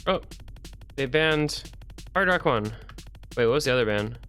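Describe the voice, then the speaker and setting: A young man doing casual esports commentary, teasing and quick to react. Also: medium pitch, animated, fairly bright tone, faint music behind. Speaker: tournament commentator.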